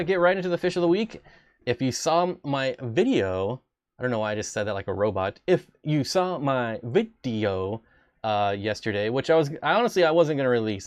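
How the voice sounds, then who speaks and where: A man's voice: medium pitch, no echo. A man hosting a casual fish-keeping stream, rambling with jokey, self-deprecating asides. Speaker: aquarium channel host. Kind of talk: casual livestream chat.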